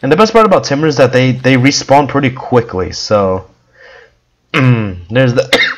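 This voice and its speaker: Man, hoarse voice, coughing now and then, casual game commentary, rambling, middle pitch. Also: lively intonation, measured pace, poor audio. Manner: rambling, with frequent ums and restarts. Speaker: gameplay video creator.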